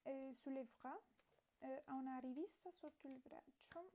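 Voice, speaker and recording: A woman's voice: high voice, dark tone, dull audio, slight background noise. A woman reading a French lesson aloud and translating it, hesitant and correcting herself. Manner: slow, hesitant reading with fillers and self-corrections. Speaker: language learner.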